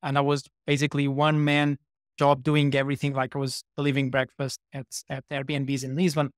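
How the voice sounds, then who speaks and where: Man, from Portugal, 30s, podcast guest, flat even delivery, dry sound. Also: mid-range voice, brisk, no echo. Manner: chatty, many fillers and restarts. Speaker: guest, startup co-founder. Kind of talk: casual interview talk.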